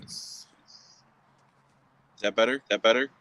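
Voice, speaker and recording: A man's voice: fairly low pitch, steady tone. A man calling in by phone to a live show, his voice repeating as a second echo right after each phrase. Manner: quiet, brief, halting sound checks. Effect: repeating echo, each phrase heard twice. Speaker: call-in guest. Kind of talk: casual live-stream chat. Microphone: phone on a call. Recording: faint distant phone call with a doubled echo.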